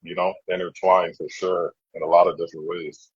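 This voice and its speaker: A deep, very husky man from Nova Scotia talks through a candid interview, earnest and reflective, circling back over his words as he thinks. His voice comes through a dull, dry, lo-fi remote call. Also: sing-song, a little fast, dry recording. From Nova Scotia, Canada. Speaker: guest.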